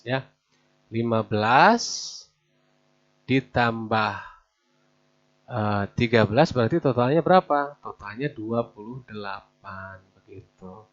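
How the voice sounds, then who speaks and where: Man teaching slow Quran recitation rules. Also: mid-range voice. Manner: asks the class questions and answers them, drawn-out demonstrations of sounds. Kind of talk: tajwid lesson explaining rules. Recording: dull lo-fi recording.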